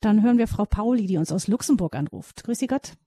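A woman hosting a radio call-in show, calm and courteous. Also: medium pitch, fast talker, husky, no room sound, studio quality. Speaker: radio host.

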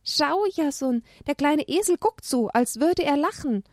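Woman playing a little girl, eager and playful, very high childlike voice, storybook reading, dry close sound. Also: animated, measured pace, darkish tone, no room sound. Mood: excited.

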